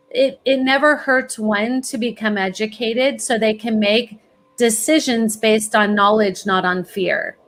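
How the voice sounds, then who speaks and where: A woman's voice: on the high side, fairly bright tone. A woman as a guest expert in a podcast interview, giving upbeat, encouraging advice. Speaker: college planning expert, guest.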